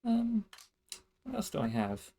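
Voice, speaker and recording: A fellow player on a game stream giving quiet, hesitant, short replies. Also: medium pitch, sing-song, a little slow, breathy edge. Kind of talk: casual chat over gameplay.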